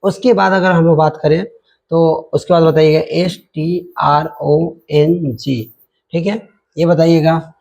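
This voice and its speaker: Male grammar teacher, fairly high voice, mellow and dark, steady explaining tone. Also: a little slow, gravelly, dull audio. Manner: spells words letter by letter, repeats "ठीक है" often. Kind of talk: online grammar lesson.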